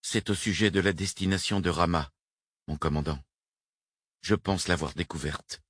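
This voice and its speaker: A man reading the lines of a devout male cosmonaut, earnest and steady in his conviction. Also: low voice, moderate pace, husky, dry recording, studio quality.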